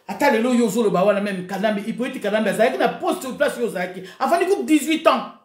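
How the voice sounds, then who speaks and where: A Congolese-accented video host from the DRC fires off a passionate political rant at rapid speed, her slightly high voice lively in intonation and echoing in the room. She rallies her online followers, repeats phrases forcefully, and alternates between French and Lingala.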